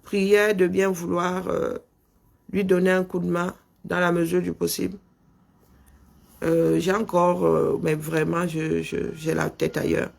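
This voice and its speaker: A middle-aged political live-streamer with a Cameroonian French accent insists on his point through rhetorical questions, voicing the punctuation as he goes. He speaks at a measured pace in a high, level voice with vocal fry.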